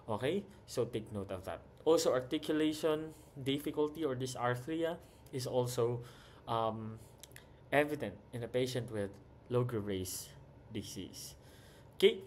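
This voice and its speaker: Filipino male lecturer, young, coaching nursing exam takers with steady repetition, light hum behind. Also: medium pitch, a little slow. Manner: mixes English and Tagalog, repeats key points, frequent "okay?".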